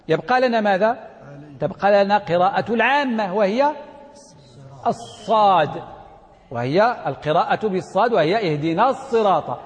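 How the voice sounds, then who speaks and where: A man's voice: sits high, big-room sound, dull audio. A man teaching a Quranic readings class, quizzing his students and chanting verses for them to repeat.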